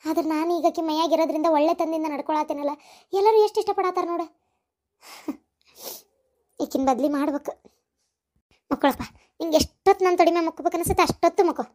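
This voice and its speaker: A woman voicing a kindly older mother-in-law possessed by a spirit, speaking softly and coaxingly with a North Karnataka accent. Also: very high-pitched, quick pace, long pauses. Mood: content. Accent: North Karnataka Kannada.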